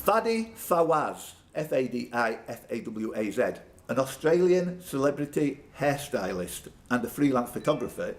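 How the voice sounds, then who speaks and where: Speaking at normal speed with few pauses, a very animated man with a mid-range voice runs a live pub quiz, reading questions aloud and bantering with contestants by name. Room ambience and background noise are clearly audible in this live space.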